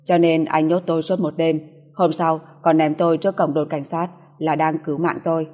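A cocky, swaggering male mercenary from an audiobook, as a woman reads him, coarse and quick to curse. The voice sits low and mellow with a breathy edge. A long reverb trails each line. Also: little pitch movement. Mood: brash.

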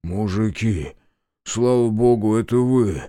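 A man voicing a panicked, frightened male storekeeper who yells in a shrill, near-hysterical voice, in a storybook reading. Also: takes it slowly, no room sound, studio quality. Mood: relieved.

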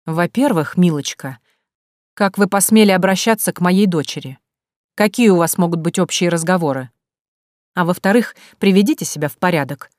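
A woman voicing a haughty noble lady who talks down to others with contempt and turns shrill when angry. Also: normal speed, a little mellow, dry recording, studio quality, lightly acted. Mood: contemptuous.

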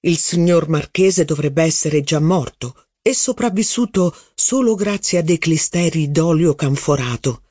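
A man's voice: fairly high pitch, expressive, a little slow, hardly any pauses, darkish tone, no echo, studio quality. A man reading the lines of an anxious, servile footman in an audiobook. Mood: eager. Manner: deferential, reporting news eagerly.

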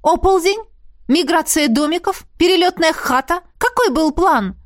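A woman voicing an indignant, hot-tempered young female student who shouts in angry bursts. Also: lively intonation, normal speed, no room sound, clean studio sound. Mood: furious. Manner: shrill, exclaiming in angry bursts.

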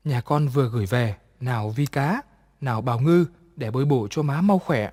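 A man's voice: mid-range voice, normal speed, a little mellow, lightly acted. A man playing a scheming two-faced young wife. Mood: sweet. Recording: long reverb.

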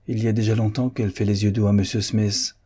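A man's voice: on the low side, little pitch movement, fast talker, dark tone, slightly rough. A man reading a cheeky young man's lines in a period novel, in a mocking, teasing manner.

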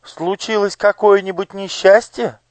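A man's voice: high voice, steady tone, measured pace, dry recording, voice pushed up. A man voicing a gracious but cruel noble lady who talks in a coaxing singsong. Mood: surprised, amused.

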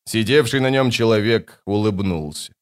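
A man narrating an audiobook in a steady, even storytelling voice. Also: lowish voice, moderate pace, clean tone.

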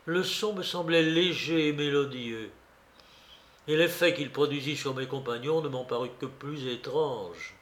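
A man reading a classic novel aloud for radio in a measured, expressive way. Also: medium pitch, slight background noise. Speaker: reader.

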